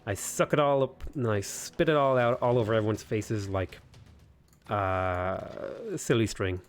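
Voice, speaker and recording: Reading out comments from his audience, a twenty-something man jokes around casually during his game livestream. He speaks at a measured pace in a fairly low-pitched voice.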